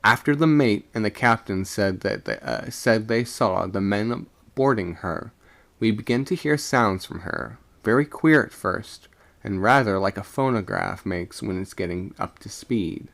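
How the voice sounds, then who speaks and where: Man reading as low-voiced, puzzled ship's third mate. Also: creaky, a bit bright. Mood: uneasy, wondering. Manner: conversational, halting, self-correcting. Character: chatty, puzzled ship's third mate recounting a strange sighting. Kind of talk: first-person storybook narration.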